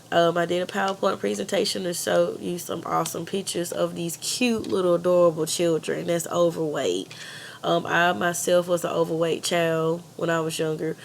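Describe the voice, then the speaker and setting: A woman's voice: fairly low pitch, gravelly, slight background noise. A woman with a country accent and a congested, pinched-nose nasal sound from being sick, earnestly giving an informal persuasive presentation. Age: adult.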